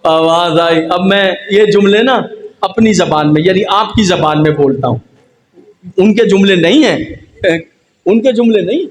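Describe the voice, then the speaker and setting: A man from Pakistan delivering a Shia majlis sermon as a dramatic storyteller who acts out the dialogue. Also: sits high. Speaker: preacher. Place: large imambargah hall. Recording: echoey hall with faint noise.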